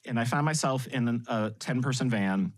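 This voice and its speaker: A man guesting on a podcast, telling anecdotes in an animated way and laughing often. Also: mid-range voice, normal speed. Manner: animated storyteller with frequent laughs. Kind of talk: anecdotal storytelling in conversation.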